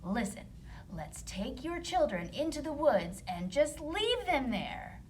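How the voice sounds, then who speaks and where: A whiny, scheming storybook stepmother, put on by a woman. She is high and swooping, selfish and wheedling, with a fake niceness and faint noise behind. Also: sing-song, slow pace, a little mellow, exaggerated voice.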